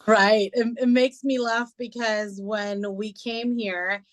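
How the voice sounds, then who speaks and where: A woman in her forties from Ethiopia, telling her life story in an interview, thoughtful with many pauses and fillers. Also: a little high, steady tone. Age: 40s.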